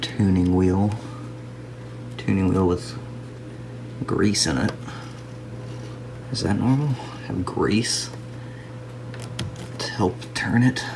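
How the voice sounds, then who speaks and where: A hobbyist narrates a casual, hands-on restoration video, musing aloud to himself without hurry. He has a deep, creaky voice, and there's background noise.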